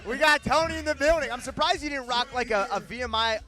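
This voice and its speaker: A man's voice: very high voice, quick pace, pushed and bright. A male host running a live show outdoors, joking and hyping up his guests. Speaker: podcast host. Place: outdoor street event. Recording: music playing behind. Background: music.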